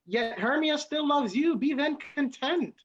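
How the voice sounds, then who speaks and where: A woman's voice: sits high, lively intonation, a little slow, muffled recording, slight background noise. A woman playing a lovelorn pleading maiden. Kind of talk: Shakespeare reading.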